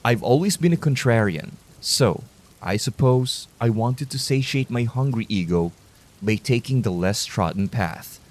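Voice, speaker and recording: A man calmly narrating horror stories meant for sleep, in a measured, low-key delivery. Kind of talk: calm scripted sleep-story narration.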